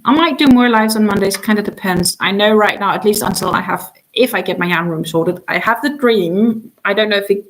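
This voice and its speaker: Tired after a long day, a Danish-speaking crochet livestream host chats casually and talkatively, full of ums and restarts after trailing off. Her mid-range voice is a bit bright and brisk, with hardly any pauses, on a low-quality recording.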